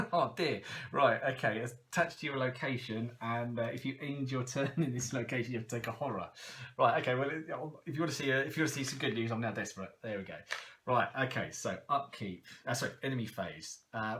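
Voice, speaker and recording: A man's voice: medium pitch, a bit bright, slight background noise. A man talking through a card game as he plays, laughing often and talking to himself. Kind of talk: casual game playthrough commentary.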